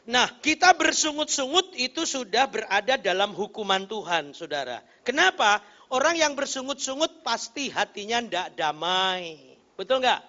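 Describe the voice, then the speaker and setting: A man's voice: extremely high pitch, normal speed, muffled recording. A male pastor preaching and telling a story, calling out to the congregation and singing short refrains. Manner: animated storytelling, calls to congregation; sings and shouts short refrains. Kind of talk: sermon.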